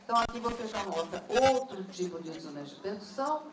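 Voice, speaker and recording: A teacher trainer with a mid-range voice speaks fast over crowd noise, leading a workshop and firing questions at the teachers in the audience with lively energy. The recording is roomy and noisy, made on a distant mic.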